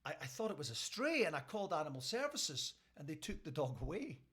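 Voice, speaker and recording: A man's voice: a little high, big pitch swings, brisk, a bit bright. A man voicing a flustered, apologetic wife who stammers.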